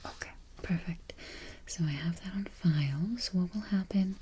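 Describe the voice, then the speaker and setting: A woman whispers softly in a library-whisper role-play as a patient, friendly librarian. Her voice is mellow and breathy, with an unhurried, reassuring way of talking. Clear background noise and keyboard clicks sit behind it. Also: on the low side. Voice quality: whispered, breathy, soft-spoken. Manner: gentle, unhurried, reassuring, with murmured mm-hmms. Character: friendly, patient small-town female librarian registering a patron. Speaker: ASMR performer. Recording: noisy close recording, keyboard clicking.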